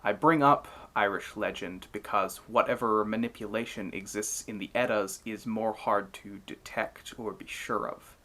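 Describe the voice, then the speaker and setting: A man's voice: lowish voice, normal speed, hardly any pauses, a bit bright. A man giving scripted, explanatory narration in the manner of a storyteller. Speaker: narrator, mythology channel host.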